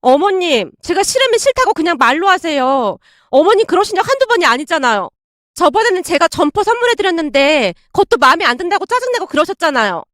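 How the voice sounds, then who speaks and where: A woman's voice: high-pitched, expressive, fairly quick, fairly bright tone, no echo, clean studio sound. A woman voicing a scheming young wife who accuses her mother-in-law in whiny, polite speech. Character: scheming two-faced young wife, falsely tearful.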